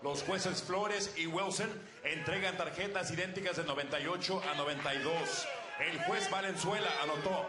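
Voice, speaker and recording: A man working as a bilingual English and Spanish boxing ring announcer, speaking in a formal, theatrical way with drawn-out names. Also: high-pitched. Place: boxing arena. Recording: echoey PA in noisy arena.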